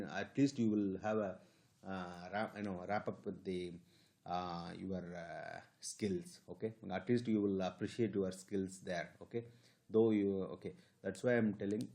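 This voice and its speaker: A man talks through career advice for PhD graduates in a loose, unscripted way. His voice sits a little low and sounds soft and mellow. He halts often, filling the gaps with "you know" and "okay". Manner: halting, full of "you know" and "okay" check-ins. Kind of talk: informal advice talk to camera.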